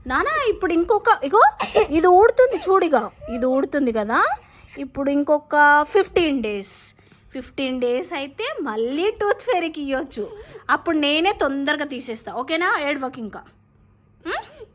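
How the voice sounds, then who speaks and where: Gentle mother. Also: high voice, very animated, moderate pace. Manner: gentle, coaxing. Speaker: vlogger mother. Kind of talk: soothing her child, then casual vlog narration.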